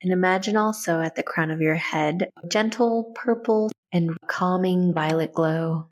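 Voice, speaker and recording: A woman leads a guided meditation at a measured pace, her slightly low voice offering soft, soothing instructions. She gently takes listeners through each step as the host.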